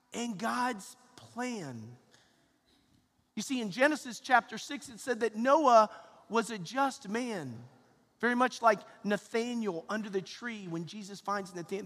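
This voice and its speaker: A man preaching a homily as a priest, with dramatic pauses, repeated phrases and colloquial asides in a reverberant church. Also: very high-pitched, bright, forceful tone. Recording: long church hall reverb.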